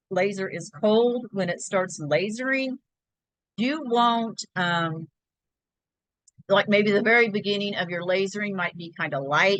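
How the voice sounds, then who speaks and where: A woman's voice: mid-range voice, a bit bright, no echo, poor audio. A woman hosting a crafting tutorial, talking step by step through a screen-share in a chatty, think-aloud way.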